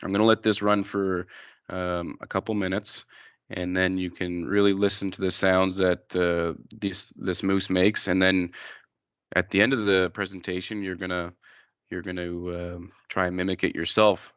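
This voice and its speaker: A man with a low, smooth voice gives an informal wildlife lesson as a presenter. His delivery is plain and halting, with very little rise and fall. The recording is slightly dull but dry. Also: little pitch movement, fairly bright tone, no echo. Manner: plain-spoken, halting, explanatory. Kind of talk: informal educational slide presentation to a group.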